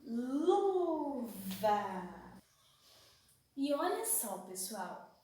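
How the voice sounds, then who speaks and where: A Brazilian woman teaching young children a phonics lesson, asking slow sing-song questions and stretching out syllables. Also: fairly high pitch, very animated, dark tone, very echoey, recorded from a distance, a little hiss or hum, poor audio. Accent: Brazilian Portuguese.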